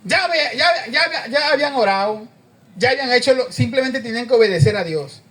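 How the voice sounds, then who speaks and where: A man's voice: very high voice, expressive, brisk, bright, forceful tone. A man preaching a conversational sermon, often asking the congregation questions and repeating amen.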